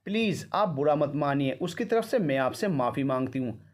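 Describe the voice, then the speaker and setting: A man voicing a worried, soft-hearted middle-aged mother who pleads and apologizes for her daughter. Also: on the high side, expressive, normal speed, natural voice. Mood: pleading.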